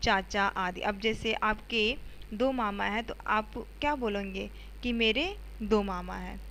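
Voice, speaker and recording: A woman's voice: mid-range voice, measured pace, fairly bright tone, slight background noise, rough recording. A woman teacher explaining grammar to schoolchildren step by step, often checking in with "okay" and asking the students questions. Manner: addresses students directly with questions.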